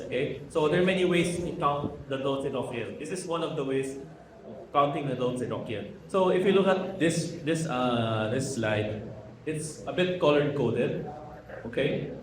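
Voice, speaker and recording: A man's voice: on the high side, a little slow. Man teaching in an echoey hall. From Philippines. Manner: casual, code-switches with Tagalog fillers, asks the room questions. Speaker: Hokkien language instructor. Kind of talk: workshop lecture to a live audience. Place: large echoey room with audience.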